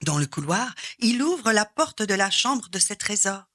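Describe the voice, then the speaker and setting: A woman storyteller telling a folk tale expressively, with dramatic pauses and repeated refrains. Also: medium pitch, sing-song, a bit bright, dry recording, clean studio sound.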